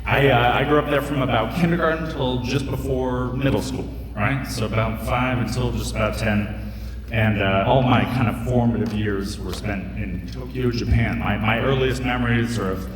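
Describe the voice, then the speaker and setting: A man's voice: mid-range voice, fairly even intonation, moderate pace. A young man telling a joking, chatty story on stage at a live storytelling event, full of fillers and asides. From United States. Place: stage in a hall with a live audience. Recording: echoey hall picked up from a distance, crowd audible.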